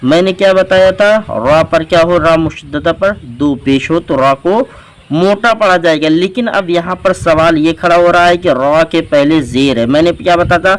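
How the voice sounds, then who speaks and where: A man's voice: fairly high pitch, moderate pace, poor audio. A man teaching Quran reading, patiently spelling out letters and vowel marks syllable by syllable in a step-by-step lesson. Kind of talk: slow step-by-step recitation lesson.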